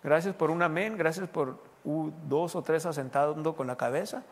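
A man preaching a sermon as pastor, animated and mimicking people's voices. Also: a little high, normal speed. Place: church. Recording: reverberant church hall.

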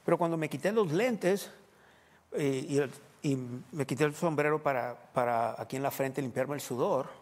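A man's voice: a little high, normal speed, big-room sound. A male pastor preaches a sermon in a church. He talks to the congregation conversationally and often asks them questions.

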